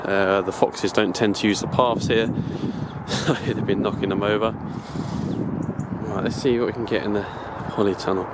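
In an unhurried, lowish voice, an allotment vlogger walks viewers around his plot, filming it himself outdoors on a handheld camera. The narration is casual, chatty and rambling, full of self-corrections, and the camera audio has steady background noise.

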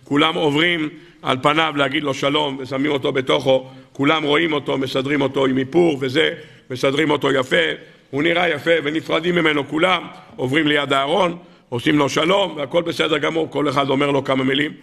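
Gravelly, bright-voiced rabbi preaching. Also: male voice, fairly high pitch, steady tone. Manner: dramatic storytelling preacher, rises to loud exclamations. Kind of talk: weekly Torah sermon.

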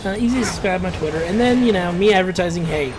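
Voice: medium pitch, very fast. Rambling laid-back gameplay commentator. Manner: rambling, ranty, laid-back with filler words.

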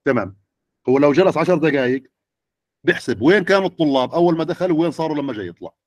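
A man's voice: a little high, expressive, very fast, no room sound, muffled recording. A middle-aged man, lecturing teachers and often checking with the audience. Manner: questioning the audience.

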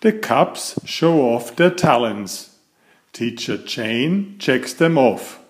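In a medium-pitched voice, the picture-book reader, himself an author of children's stories, tells a book aloud to little kids with deliberate, expressive storytelling.

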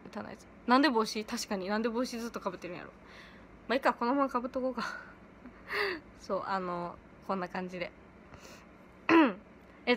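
A teenage girl with a chatting casually on a livestream from home, giggly and quick to laugh. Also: a little high, a bit bright, slight background noise. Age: late teens. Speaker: idol livestreaming to fans. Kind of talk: casual livestream chat reading comments. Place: at home in pajamas.

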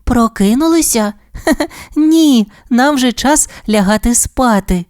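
A woman voicing a curious, excitable little girl bunny in a children's audio storybook, squealing and eager. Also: sits high, moderate pace, dry recording, studio quality, voice pushed up, close to an everyday voice. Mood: excited. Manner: squealing, eager, wide-eyed.

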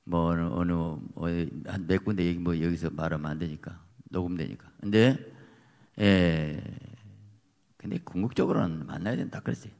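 A man preaching a fiery sermon as pastor, emphatic, swinging from quiet asides to shouted peaks. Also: low voice, normal speed, gravelly. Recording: long reverb of a church hall.

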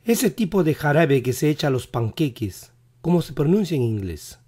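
A male teacher running a vocabulary quiz lesson, repeating each English word slowly and carefully, his voice not fully recovered. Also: on the high side, very animated, warm tone.

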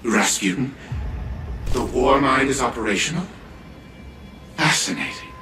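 A man's voice: medium pitch, expressive, a little slow, lightly acted. An actor voicing an arrogant, condescending older male scientist and family patriarch in a game cutscene, with a smug, drawling delivery. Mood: intrigued. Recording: game dialogue over loud music. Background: music.

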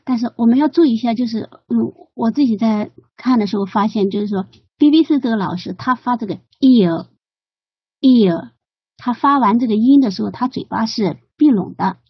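Brief: woman learner explaining sound drills, slow and halting, gravelly fry, fairly high pitch, dry muffled lo-fi take. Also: no echo. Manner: hesitant, many fillers, repeats drill words slowly. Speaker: English pronunciation learner. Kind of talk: recorded study notes on pronunciation.

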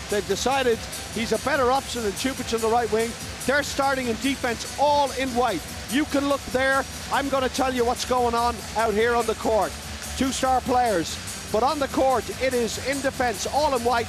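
A man giving live handball commentary in short, emphatic, excitable phrases. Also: very high-pitched, low-quality recording. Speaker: sports commentator. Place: large indoor sports arena with crowd.

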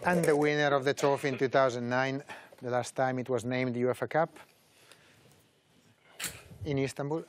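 A middle-aged man announces a sports draw at a mid pitch, pausing often with hesitant fillers. There is a faint hiss under his voice. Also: steady tone. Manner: halting, with frequent "uh" pauses. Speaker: draw host. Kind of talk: presenting a live tournament draw.

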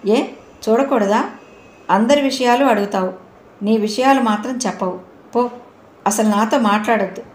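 A woman's voice: a little high, normal speed, long pauses, darkish tone, lightly acted. A woman reading a storybook voices a playful younger sister who teases and pouts. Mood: teasing. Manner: teasing, pouty. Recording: roomy room, faint noise.

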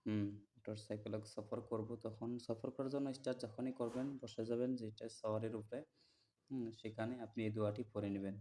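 A man teaching listeners to memorize prayers, chanting each word slowly and repeating it, then explaining plainly and checking that they follow. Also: lowish voice, little pitch movement, warm tone. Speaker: religious teacher.

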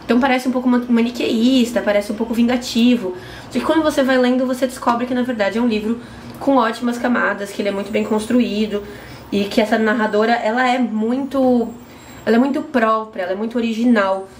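A woman's voice: on the high side, fairly even intonation, a little fast. A young woman with a Brazilian Portuguese accent, chatting to camera as a book vlogger while she trims plants on an apartment balcony. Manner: chatty, trimming pepper plants while talking. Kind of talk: casual chat to camera. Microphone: camera at close range. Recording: roomy echo, faint background noise.

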